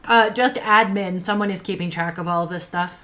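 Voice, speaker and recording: Low, bright-voiced woman at a game. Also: normal speed. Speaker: tabletop role-playing player. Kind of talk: casual tabletop game chat.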